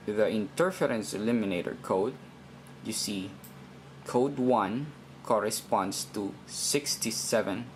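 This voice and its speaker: In a how-to video, a male instructor with a fairly low voice walks through an informal step-by-step tutorial very slowly. He is deliberate and halting, circling back to repeat himself, with faint noise behind the recording.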